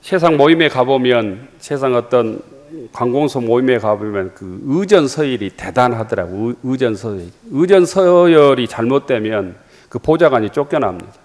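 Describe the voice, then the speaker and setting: A man's voice: mid-range voice, lively intonation, moderate pace, a little mellow. A man with a Jeolla accent preaching a sermon as pastor, repeating phrases and asking rhetorical questions. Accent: Jeolla Korean. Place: church sanctuary. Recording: reverberant church hall.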